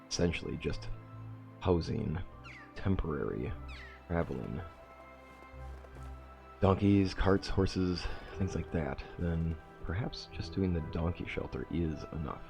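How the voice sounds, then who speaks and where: His bass voice carries vocal fry and a slightly mellow quality. Nose stuffed up from a cold, this let's play host casually talks through a game, reworking his plans out loud.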